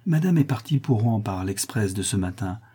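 Guy reading as a sharp lady's maid, polite and matter of fact, darkish husky tone. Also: on the low side, expressive, moderate pace. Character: shrewd, sharp-witted lady's maid in her late thirties.

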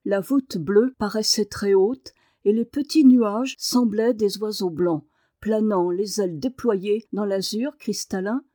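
A woman reading a novel aloud as an audiobook narrator, with measured, expressive narration. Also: medium pitch, dry recording, clean studio sound.

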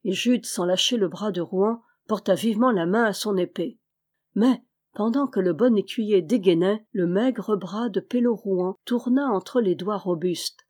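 Woman audiobook narrator, mellow warm voice, steady storytelling. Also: mid-range voice, measured pace. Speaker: audiobook reader. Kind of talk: scripted narration.

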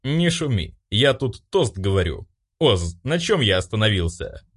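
A man's voice: lowish voice, big pitch swings, measured pace, husky, full character voice. A man voicing a rowdy, cheeky drunk young man who slurs through boastful toasts. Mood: tipsy.

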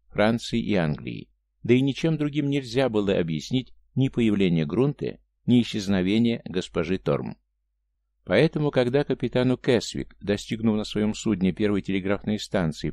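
Guy reading a novel aloud, calm and steady, lowish voice. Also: no room sound. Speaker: audiobook narrator. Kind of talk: scripted narration of a novel.

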